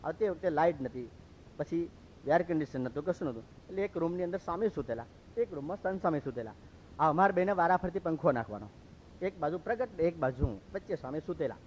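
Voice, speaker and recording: A man from Gujarat, a monk telling stories in a lively sermon and acting out what others said. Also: fairly high pitch, fast, slight background noise. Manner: lively, acts out quoted speech. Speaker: monk preacher. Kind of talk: storytelling sermon. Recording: dull lo-fi recording.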